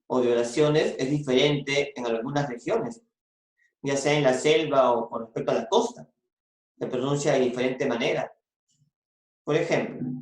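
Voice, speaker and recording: Slow, echoey coastal Peruvian male teacher. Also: medium pitch. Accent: coastal Peruvian Spanish. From Peru. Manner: explains step by step, repeats key phrases, adds "¿no?" and "¿ya?". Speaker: secondary school language teacher. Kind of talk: recorded school lesson. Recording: echoey room recording.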